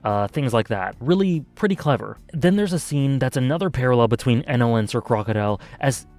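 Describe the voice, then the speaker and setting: A man's voice: medium pitch, lively intonation, brisk, a little mellow. A man casually reviewing an anime arc, thinking aloud with many fillers and self-corrections.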